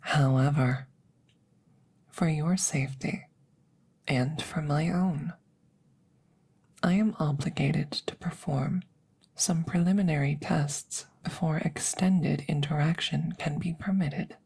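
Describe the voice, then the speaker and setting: Hushed and clinical, this ASMR audio roleplay features a woman playing a female alien, heavily acted, who speaks in a low, very slow, soft and often whispered voice. Her tone is mellow and breathy with a touch of gravel, and as a curious examiner she is formal and precise, measuring each word with care.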